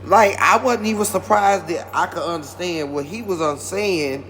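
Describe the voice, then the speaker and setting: A man's voice: high-pitched, normal speed, fairly bright tone, slight background noise. A male comedian telling a rambling comic story and talking directly to his audience.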